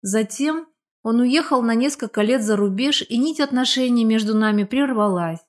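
A woman's voice: on the high side, moderate pace, darkish tone. Young woman narrating an audiobook. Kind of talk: first-person audiobook narration.

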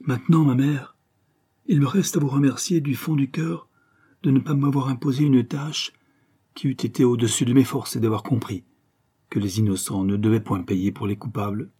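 A man voicing an earnest young avenger and devoted son, grave and measured. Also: mid-range voice, steady tone, warm tone, slightly rough, lightly acted. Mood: moved. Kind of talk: audiobook reading.

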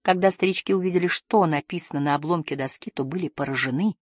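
Audiobook narrator, woman, lowish husky voice, dry close sound. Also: fast talker, no echo. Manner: steady storytelling. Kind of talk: scripted narration.

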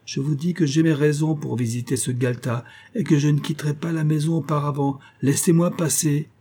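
A man's voice: a little high, fairly even intonation, fairly quick, mellow, pitched above the performer's own voice. A man voicing a strong village blacksmith who speaks firmly and with determination. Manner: firm and determined.

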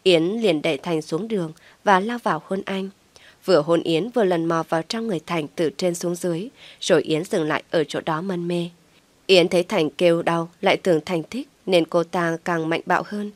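Low-voiced woman narrating a story. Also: moderate pace, no echo.

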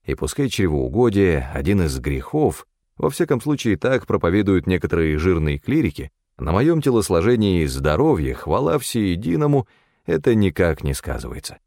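A man narrating a first-person audiobook in a wry, expressive storytelling manner. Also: deep voice, moderate pace, no room sound, clean studio sound.

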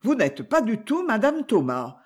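Un homme qui lit un livre audio et donne un ton péremptoire à une dame de maison stricte. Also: male voice, sits high, wildly swooping pitch, a little slow, breathy edge, pitched above the performer's own voice, full character voice. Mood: stern. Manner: peremptory. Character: prim, commanding household lady, firm.

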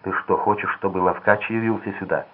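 A man's voice: low voice, fairly even intonation, brisk, slightly rough. A man voicing a nervous small-time crook, urgent and edgy, in a tinny lo-fi recording. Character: anxious small-time male crook, young. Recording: tinny phone-like lo-fi sound.

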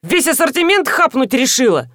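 A woman voicing a brash, rude middle-aged village shopkeeper who talks coarsely and loudly. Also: high voice, very animated, normal speed, no room sound, studio quality, pitched above the performer's own voice. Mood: brusque. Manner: coarse, loud, colloquial.

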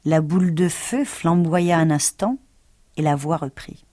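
Actress, storybook narration for radio, lowish warm voice, dry close recording. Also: female voice, unhurried, no room sound. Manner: expressive, dramatic. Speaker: actress reading aloud.

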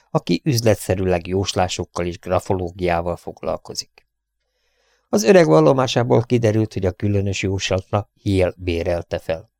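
A composed police inspector, read by a male narrator, calm and measured as he lays out the case. The voice is low and dry, recorded close. He never loses his composure. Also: vocal fry, no room sound. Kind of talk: audiobook character reading.

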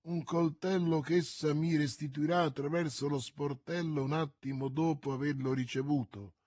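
A man's voice: on the high side, fairly even intonation, moderate pace, a little mellow, no echo, studio quality, natural voice. A man voicing a zealous young puritan. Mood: confused. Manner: feverish, pleading, exalted.

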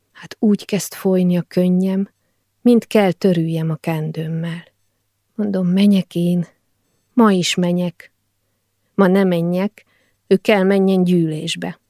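Woman, audiobook narrator, quiet intimate first-person reading, near-whispered moments, mellow dark tone, dry close studio sound. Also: fairly low pitch, creaky, no echo.

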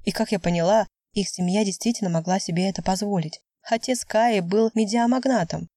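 A woman reading a first-person story in a measured, wry and composed way. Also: medium pitch, warm tone, no echo, clean studio sound. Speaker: audiobook narrator. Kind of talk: first-person scripted narration.

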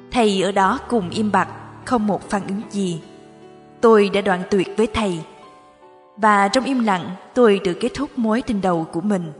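A woman reading a first-person memoir as an audiobook narrator, in a measured, emotional storytelling manner. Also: mid-range voice. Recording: reverberant with background music.

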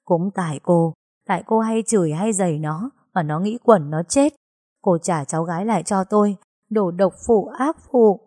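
A woman's voice: fairly low pitch, normal speed, dark tone, dry recording, studio quality, close to an everyday voice. A woman voicing a grieving old grandmother who wails and scolds in a story reading. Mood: bitter scolding. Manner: wailing, scolding.

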